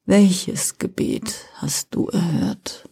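In a whispered role-play storybook, Lucifer speaks slowly and softly, as a woman acts him out, a calm fallen angel coaxing with gentle persuasion. The voice is low, dark and breathy, unhurried in every word. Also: exaggerated voice. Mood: soft persuasive.

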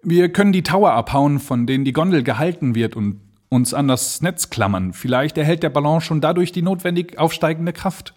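A man's voice: fairly high pitch, expressive, normal speed, hardly any pauses, darkish tone, voice pushed up. A man voicing a male balloonist who gives urgent commands in a raised voice. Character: male balloonist, desperate but resolute.

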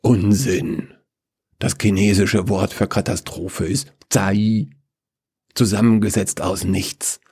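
A man voicing Death, a grim ancient male figure who speaks in a slow, cold, hushed whisper. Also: on the low side, steady tone, husky, exaggerated voice.

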